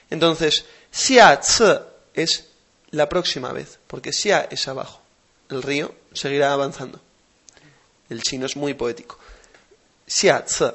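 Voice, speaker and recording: A man hosting a language lesson podcast, explaining slowly and patiently and repeating words for practice. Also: on the high side, vocal fry. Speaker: language teacher and podcast host.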